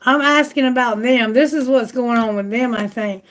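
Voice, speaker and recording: Woman, high voice, live tarot reader, talky and excitable, voice fading; slight background hiss. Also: moderate pace, poor audio. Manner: chatty, exclamatory, thinking aloud. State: losing her voice.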